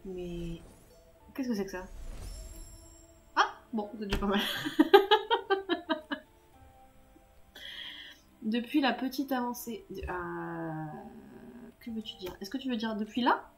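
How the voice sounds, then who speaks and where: A woman live-streams a game and chats casually with her viewers, poking fun at herself and laughing at her own mistakes. Her medium-pitched voice is expressive, with a measured pace and frequent pauses, over soft background music. She talks straight to chat and laughs often.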